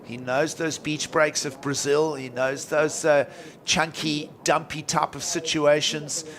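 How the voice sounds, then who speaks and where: A man's voice: on the high side, little pitch movement, measured pace, a bit bright. A man working as a surf contest announcer, giving live commentary in a colloquial, enthusiastic way.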